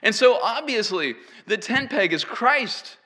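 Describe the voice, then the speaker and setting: A man's voice: high-pitched, animated, unhurried, sharp tone. A man preaching an expository sermon to a congregation, emphatic and given to self-deprecating asides. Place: church hall with an audience. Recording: long hall reverb.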